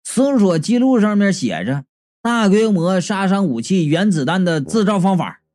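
Lady storyteller, super animated comic reading, mellow voice. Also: medium pitch, normal speed. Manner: animated, comic, exclamatory delivery. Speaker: audiobook reader.

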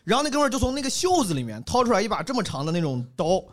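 Young comedian guy from henan, high voice, rattles off a travel story, keeps laughing. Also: very fast. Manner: animated, laughs while telling stories. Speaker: stand-up comedian guest. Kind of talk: casual storytelling chat.

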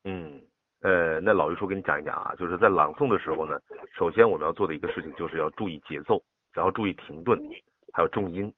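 A patient man coaches a child through poem recitation over a phone call. He draws words out slowly to show the phrasing, in a low, husky voice. The sound is thin and tinny, like a phone line. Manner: patient, demonstrates with slow drawn-out words. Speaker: poetry recitation teacher.

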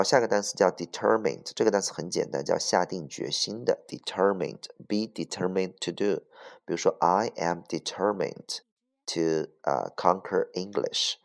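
Male vocabulary teacher, very low pitch, spells words aloud, steady lecture delivery. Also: gravelly. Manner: spells words letter by letter, mixes in English; self-correcting, with many fillers. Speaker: English teacher. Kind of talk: vocabulary lesson.

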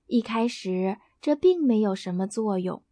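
A woman narrating a bedtime story in a gentle, expressive read-aloud manner. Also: mid-range voice, unhurried, no room sound.

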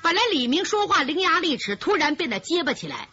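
一位女评书艺人说书，嗓音高亮、明快，抑扬起伏极大，声情并茂，还会模仿拟声。录音有些发闷，像老磁带。. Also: female voice, high voice, quick pace. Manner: lively, dramatic, vivid sound effects. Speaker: storyteller. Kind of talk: pingshu storytelling. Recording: lo-fi muffled recording.

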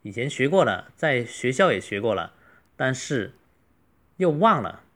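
A man's voice: mid-range voice, big pitch swings, fairly bright tone. Patient man modeling English phrases. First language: Mandarin. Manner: slow, drawn-out model phrases between quick explanations. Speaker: English teacher. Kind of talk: beginner English lesson.

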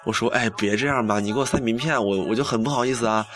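A man's voice: medium pitch, quick pace, fairly bright tone. A young man hosting a campus radio show, telling a story in a chatty, self-mocking way and acting out the dialogue. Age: young adult. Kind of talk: casual monologue.

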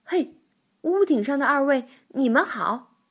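A woman voicing a cautious, sensible male rabbit in a children's storybook, calm and doubtful. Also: high voice, a little slow. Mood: friendly. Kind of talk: storybook reading.

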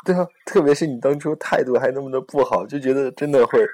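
A man's voice: medium pitch, quick pace, mellow. A young man hosting a casual chat show, talking hesitantly with many fillers and self-corrections. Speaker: host. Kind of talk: casual chat on a podcast-style program.

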